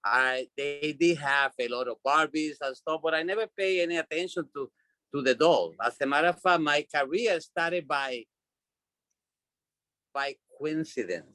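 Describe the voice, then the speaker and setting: Recorded with poor audio and no echo, a slightly high, pushed and bright male voice speaks at a moderate pace. He's a doll designer from Puerto Rico with a Puerto Rican Spanish accent, a guest in a casual interview who restarts and repeats words as he recounts his story.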